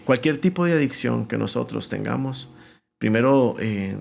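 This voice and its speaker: A man's voice: medium pitch, vocal fry. A middle-aged male pastor, a guest on a podcast, telling his life story and acting out the voices of the people in it. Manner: animated storyteller who acts out the voices in his anecdotes. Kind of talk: telling a personal testimony.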